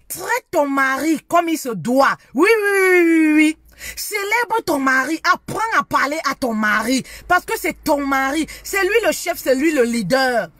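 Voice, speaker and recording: Lady, high voice, preachy advice talk, keeps saying yes yes yes, dry close sound. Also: a bit bright, no echo. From Africa. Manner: emphatic, repeats herself with many affirming "oui". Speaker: marriage advice speaker.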